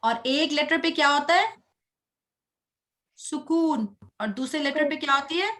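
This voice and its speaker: A woman leads a children's tajweed class, her voice sitting a little high for a woman. She draws each Arabic syllable out slowly for pupils to echo. Between recitations she asks short questions and offers patient encouragement. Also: fairly bright tone. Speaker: Quran recitation teacher.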